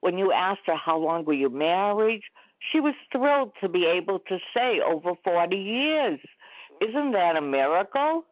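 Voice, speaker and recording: A woman's voice: on the low side, big pitch swings, moderate pace, no echo, dull audio. A woman in her seventies, a talk show guest telling stories in a chatty way. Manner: chatty, storytelling. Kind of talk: interview conversation. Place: Florida.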